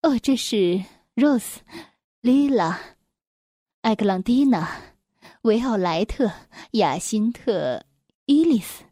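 A woman voicing a grieving, gentle middle-aged queen in a children's story, speaking softly and slowly with a sorrowful delivery. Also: on the high side, animated, slightly rough, no room sound, studio quality, heavily acted.

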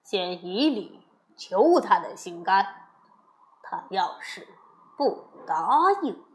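A woman voicing a scheming demon disguised as a royal adviser, speaking low and forcefully. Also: animated, slow pace. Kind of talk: children's storybook voice acting.

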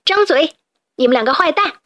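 A brave little chick, voiced by a woman storyteller, giving bold commands in a high, lively voice. The reading sounds close and dry. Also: normal speed, no echo.

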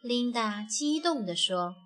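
Woman narrator, children's storybook, gentle, expressive, lively high voice. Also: slow. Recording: faint background music.

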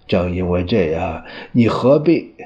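An anxious older friend, voiced by a male storyteller, pleads earnestly and slowly in a lowish voice. He sounds consoling and urgent. The audio is dull and lo-fi. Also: animated, mellow. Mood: pleading.

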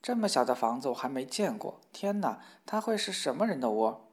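A proud young princess from a fairy tale, sharp-tongued and scornful, as a man puts her on. Her lines sit clearly higher than the telling around them, with a plaintive edge. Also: a little fast, natural voice. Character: haughty mocking young princess.

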